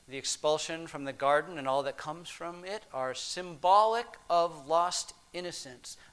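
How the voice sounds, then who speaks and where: A man with a high voice delivers a sermon from the pulpit. He drops to near-hushed tones for reflective lines and then builds to emphatic, raised passages, keeping his delivery expressive throughout. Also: smooth. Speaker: preacher.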